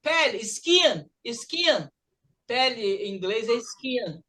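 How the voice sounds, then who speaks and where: A Brazilian woman with a high, bright voice leads an English pronunciation class. She talks in a lively way and slows right down to model each word for students to repeat. Her accent is Brazilian Portuguese. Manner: lively, drills words slowly for students to repeat. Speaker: English teacher. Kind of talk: online English pronunciation lesson.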